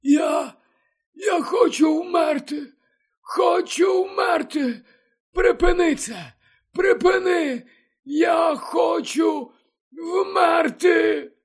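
A man's voice: extremely high pitch, extremely slow, pauses often, raised voice, pitched above the performer's own voice, full character voice. A man voicing an old male wizard in agony, who shrieks and wails in a begging, broken voice. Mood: anguished wailing. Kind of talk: audiobook character voice.

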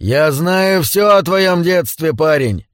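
A man's voice: a little high, animated, slow, no room sound, studio quality, pitched above the performer's own voice. A man voicing a haughty, furious old man. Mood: menacing. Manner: domineering, shouting in anger. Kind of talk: audiobook character voice.

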